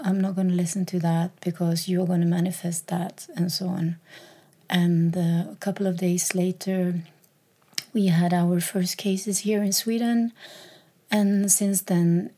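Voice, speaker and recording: A woman's voice: lowish voice, level tone, a little slow, warm tone. A woman talking alone on her podcast in a reflective, hesitant way, with many fillers and repeated words. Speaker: podcast host.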